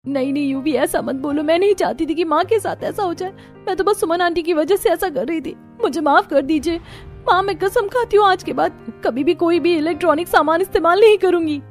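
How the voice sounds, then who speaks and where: A woman's voice: very high voice, a little fast, soft background music. A woman voicing a young wife who speaks sweetly and pleads. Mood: pleading.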